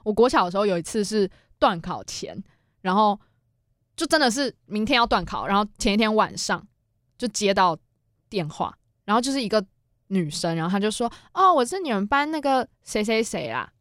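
Fast, lively Taiwanese woman podcaster. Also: medium pitch, no echo, studio quality. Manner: lively storytelling, acts out phone calls, frequent laughter. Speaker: podcast co-host. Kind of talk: casual chat.

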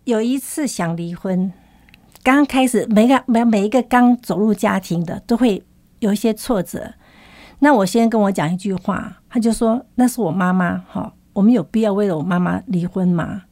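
A woman's voice: medium pitch, normal speed, darkish tone, no room sound. A woman guest, animatedly telling personal stories in an interview and acting out the dialogue she quotes. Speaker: food storage expert guest. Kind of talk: storytelling in an interview.

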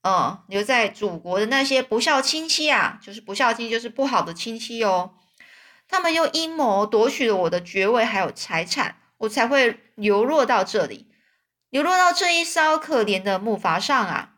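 A woman's voice: on the high side, expressive, normal speed, fairly bright tone. A woman voicing a young male swindler who poses as a wronged duke, complaining in a mournful, pompous way. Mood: woeful.

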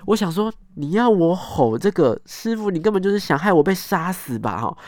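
A man telling a story as host, animated, acting out scenes and ending phrases with soft tag particles. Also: sits high, brisk, dry recording, studio quality. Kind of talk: casual storytelling monologue.

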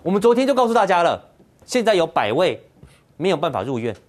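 Ranting sarcastic Taiwanese host. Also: male voice, high voice, sing-song, fast. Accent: Taiwanese Mandarin. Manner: sarcastic, ranting, mocking rhetorical questions. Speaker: political talk show host. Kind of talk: heated political commentary.

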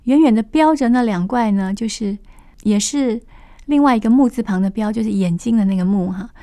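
A woman's voice: a little high, a little fast, warm tone. A woman storyteller retelling a classic novel on radio, chatty, stopping to explain words with asides.

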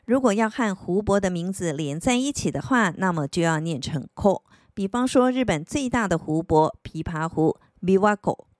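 A woman giving a scripted language lesson, repeating each word slowly and clearly for learners to practice. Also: fairly low pitch, animated, dry recording, studio quality. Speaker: Japanese language teacher.

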